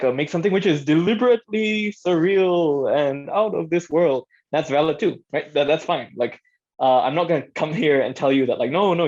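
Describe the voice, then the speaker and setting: With a slightly high, slightly mellow voice, this man presents a casual workshop as an audio drama director. He thinks aloud and checks in with his listeners conversationally, heard through muffled, band-limited lo-fi audio.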